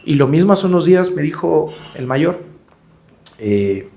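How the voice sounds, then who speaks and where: A man's voice: fairly high pitch, animated, measured pace, gravelly, dark tone. A middle-aged man with a Mexican accent, telling stories as a podcast guest, reflective and repeating words while he searches for them. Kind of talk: conversational interview storytelling.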